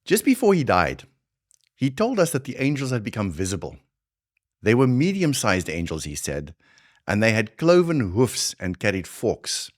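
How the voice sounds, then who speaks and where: Man voicing an older Afrikaner yarn-spinner, heavy Afrikaans South African accent, very low and deliberate. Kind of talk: dramatic reading of a short story.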